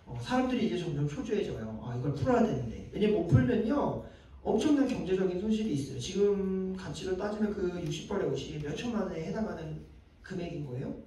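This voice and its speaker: Preaching to young adults, this man speaks fast in a high, expressive voice with a dark tone. He chats with his listeners, throws questions at them, and performs the quotes he cites. It's recorded from afar in a room full of echo.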